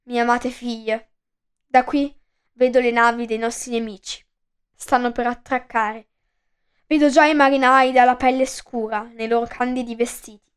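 A grave, protective father, as a woman reading a myth puts him on, gives calm instructions. His voice is fairly high. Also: moderate pace, clear, resonant tone, close to an everyday voice. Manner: grave, reassuring. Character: father Danao, calm protective male leader.

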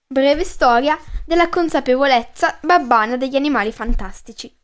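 A woman's voice: high voice, fairly bright tone. A woman hosting a podcast, reading a book aloud with playful asides.

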